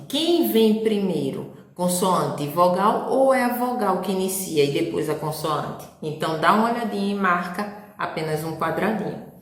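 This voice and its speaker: A woman's voice: on the low side, roomy sound. A woman teacher with a Brazilian Portuguese accent, giving a recorded lesson to young children and sounding out letters and syllables patiently.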